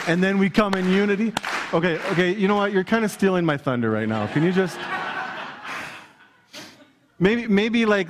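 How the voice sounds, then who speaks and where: A Canadian pastor with a notably high-pitched voice delivers a lively sermon. He is playful and energetic, talking straight to the people in the pews of a church hall. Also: noisy background. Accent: Canadian English. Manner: energetic, playful, talks directly to congregation.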